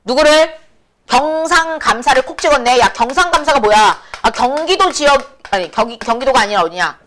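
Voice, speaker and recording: A woman teaching classic Korean prose, asking quick questions and answering them herself in a casual, brisk lecturing manner. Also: high-pitched, lively intonation, fairly bright tone, a little hiss or hum. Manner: brisk, colloquial, answers her own questions. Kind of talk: lecture with call-and-response questions.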